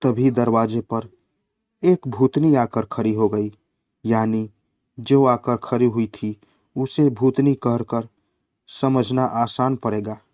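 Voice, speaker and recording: A man reads a satirical short story aloud, slow and measured. His voice sits at an ordinary middle pitch. The recording is close and dry, with no room sound. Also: fairly even intonation, darkish tone, dry recording. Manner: slow, measured reading with quoted lines voiced in the flow.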